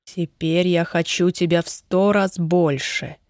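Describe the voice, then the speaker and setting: A woman voicing a wealthy young husband, ardent but guarded, in a slow, low, even delivery. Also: no echo, studio quality, lightly acted. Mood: low, measured.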